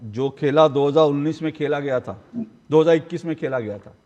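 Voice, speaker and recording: A man anchoring a live TV news debate, sharp and needling, often cutting in on his guests. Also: fairly high pitch, a little fast, big-room sound, highs cut off.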